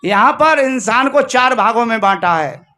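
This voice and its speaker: A man's voice: very high-pitched, expressive, normal speed, bright, forceful tone. A man giving a Hindi sermon as a spiritual teacher, telling stories and repeating key lines for emphasis.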